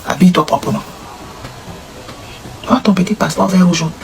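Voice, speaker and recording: A man's voice: sits high, fairly even intonation, a little fast, gravelly. A man with a Cameroonian French accent giving comic advice, acting out little dialogues and sound effects. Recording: noisy recording.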